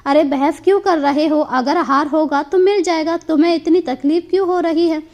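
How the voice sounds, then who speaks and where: A woman's voice: high-pitched, fairly even intonation, normal speed, darkish tone, dull audio. A woman voicing puzzled village men in a storybook tale, firing off questions.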